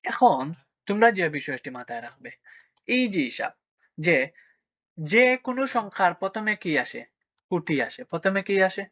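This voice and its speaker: A man's voice: high voice, very animated, normal speed, long pauses, dry recording. A man teaching a maths lesson to children at a board, asking questions and answering them himself. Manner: asks questions and answers them himself, with frequent check-ins. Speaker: math teacher. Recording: dry, dull lo-fi sound.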